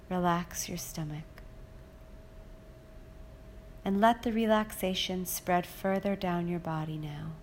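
A woman reading a guided hypnosis relaxation script in a slow, soothing, repetitive way, now and then dropping into soft whispers. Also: fairly low pitch, a little hiss or hum.

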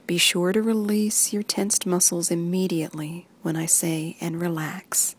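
A woman with a lowish, somewhat breathy voice reads a guided muscle relaxation script. Her instructions are soft and even, frequently dropping into a whisper.

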